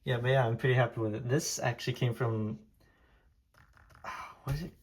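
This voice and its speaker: In a laid-back vlog, a young Taiwanese man who natively speaks Hokkien shows his diecast collection room, rambling with many fillers and restarts. He talks at a moderate pace in a medium-pitched, steady voice.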